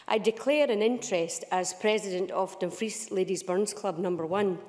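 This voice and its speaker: A Scottish woman, a member of parliament, delivers a formal speech packed with Scots words in a large debating chamber. Her voice sits in the mid range with a darkish tone, and the recording carries the chamber's long reverb.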